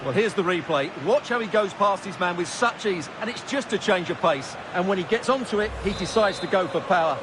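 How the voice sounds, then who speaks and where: A man as football co-commentator, calmly breaking down a replay and summing up the match. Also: high voice, background noise. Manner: measured, explanatory. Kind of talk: analytical match summary.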